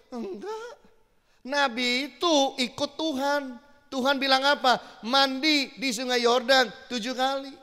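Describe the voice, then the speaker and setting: Middle-aged male pastor, animated conversational sermon, high voice, long church hall reverb. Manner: animated, conversational, acts out quotes.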